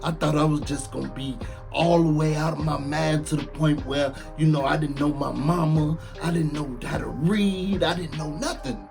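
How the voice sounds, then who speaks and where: A man in his late thirties, a former prisoner, telling his story in casual, animated talk, full of slang and repeating lines for emphasis. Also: a little high, normal speed, creaky, music in the background. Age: late 30s.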